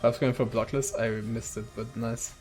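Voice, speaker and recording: A man's voice: mid-range voice, level tone, normal speed, darkish tone, soft background music. A young man giving casual commentary on a speedrun match, swearing often, laughing and talking to viewers. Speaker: tournament commentator. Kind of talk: casual solo esports commentary.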